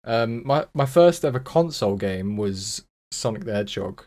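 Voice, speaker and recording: Young man, guest, relaxed casual talk, somewhat low pitch, hesitant. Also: moderate pace. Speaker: podcast guest. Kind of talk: casual chat.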